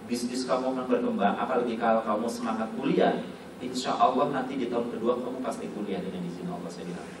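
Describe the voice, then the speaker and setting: A man's voice: medium pitch, steady tone, quick pace, background noise. A male Islamic preacher, giving a joking, storytelling sermon that acts out little scenes. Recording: echoey hall, voice from far off.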